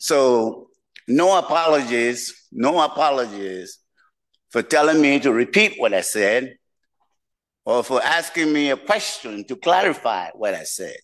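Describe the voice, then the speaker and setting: An older man from Nigeria and Cameroon with a mixed West African accent, giving a slow, humorous keynote speech from a podium in a lecture room. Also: medium pitch, animated, a bit bright, poor audio. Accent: West African, mixed from many languages. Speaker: keynote speaker, professor. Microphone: podium mic.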